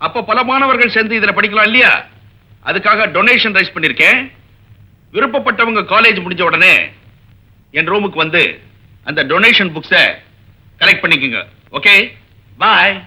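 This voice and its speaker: A man's voice: high voice, moderate pace, pauses often, bright, forceful tone, full character voice, poor audio. An actor playing a stern middle-aged male college principal in a Tamil film, speaking with a Tamil accent and a commanding manner. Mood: announcing.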